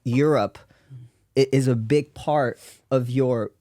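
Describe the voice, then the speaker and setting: A man's voice: medium pitch, steady tone, slow pace, mellow, no room sound, clean studio sound. Rambling man telling his life story. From raised in Belgium. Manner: rambling, laughs often, many fillers. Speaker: podcast guest. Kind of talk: casual life-story interview.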